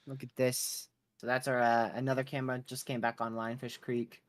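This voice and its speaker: A man's voice: mid-range voice, little pitch movement, normal speed. A man hosting a weather livestream, giving casual live commentary on a storm as it unfolds.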